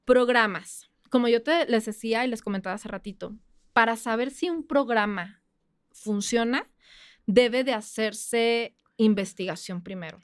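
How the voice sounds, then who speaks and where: A woman with a Mexican accent, a criminologist guest on a podcast, explaining things in a chatty way with quick asides. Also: on the high side, smooth, dry recording, clean studio sound. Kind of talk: casual podcast interview.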